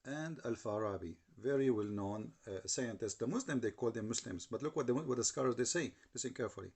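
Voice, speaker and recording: Gravelly, husky man arguing. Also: mid-range voice, fairly quick, darkish tone. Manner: repeats and restarts while translating, challenging tone. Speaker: commentator translating clips. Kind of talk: argumentative commentary.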